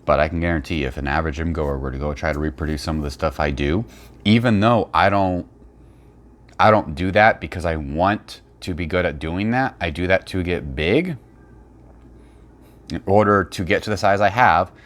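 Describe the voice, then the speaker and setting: Low-voiced man, blunt commentary. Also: normal speed, a bit bright. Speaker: fitness video creator. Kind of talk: unscripted response-video commentary.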